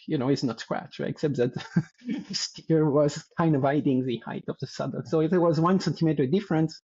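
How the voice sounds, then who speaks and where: A French man near sixty, a guest athlete in a casual interview, speaks with a French accent in a slightly high, dark, mellow voice with a bit of roughness. He is halting, searching for words and laughing lightly, and the recording comes across as a little dull and lo-fi.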